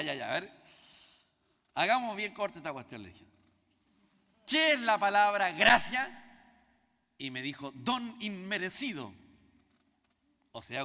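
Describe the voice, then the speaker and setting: A man's voice: sits high, big-room sound. A Chilean man preaching as a pastor, teaching through a story and acting out both sides of the dialogue. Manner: animated, acts out dialogue in quoted voices. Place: church.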